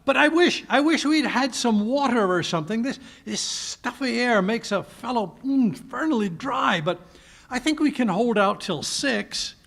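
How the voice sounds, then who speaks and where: A man's voice: extremely high pitch, expressive, measured pace, creaky, a bit bright, heavily acted. A man acting a flustered, anxious English doctor sidekick in a 1940s-style radio drama, blustering and stammering.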